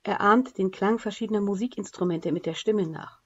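A woman voicing a chief's calm, explaining wife in a storybook reading, in a dull lo-fi recording. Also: medium pitch, a little fast, close to an everyday voice.

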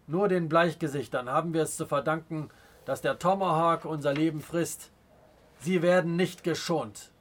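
A man reading aloud as a proud, stern chief in a storybook, speaking with slow, weighty scorn. The voice sits a touch high for a man. It sounds commanding rather than shouted. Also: close to an everyday voice. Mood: scornful. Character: proud stern adult male Native chief. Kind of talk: audiobook character reading.

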